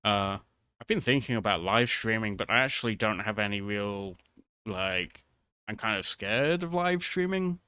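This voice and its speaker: Male vlogger, low but bright voice, casual and halting, rambling to viewers. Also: lively intonation, smooth, dry recording. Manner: hesitant, halting, trailing off mid-thought. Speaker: vtuber video creator.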